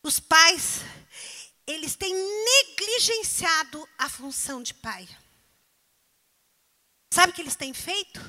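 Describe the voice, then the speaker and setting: A woman's voice: very high voice, lively intonation, slow, pauses often, pushed and bright. A woman preacher delivering a sermon, pressing the congregation with emphatic rhetorical questions.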